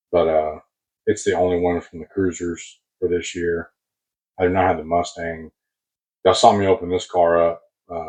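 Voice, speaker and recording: An American man rambling casually as he hosts a hobby unboxing video, husky, on a close mic that sounds boomy and muffled, like inside a submarine. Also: a little mellow. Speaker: host of a diecast car collecting channel. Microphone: new mic placed very close.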